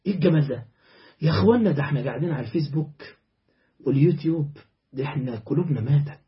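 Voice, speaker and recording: Impassioned Egyptian preacher, high voice. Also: male voice, muffled recording. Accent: Egyptian Arabic. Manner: impassioned, rising to fervent exclamations; chants Quran verses slowly. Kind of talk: sermon.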